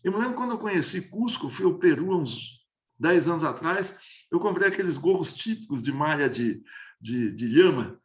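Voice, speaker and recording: Through dull lo-fi audio comes a reverberant male voice, a little high with big pitch swings at a moderate pace. The speaker, a man in his sixties from inland São Paulo state, Brazil, is an interview guest giving lengthy conversational explanations and analysis, hesitating with many repeated restarts.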